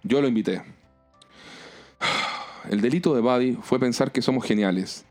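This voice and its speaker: A man's voice: mid-range voice, unhurried, faint music behind, close to an everyday voice. A man voicing a self-assured male group leader who gives a persuasive little speech.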